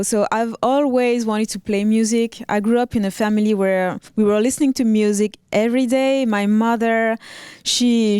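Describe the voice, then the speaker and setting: A young violinist with a French accent, from Reunion Island and raised in Paris, chats as a guest in a casual interview. She is soft-spoken, with frequent ums and restarts, in a clean mid-range voice. The studio recording is clean, with no room sound.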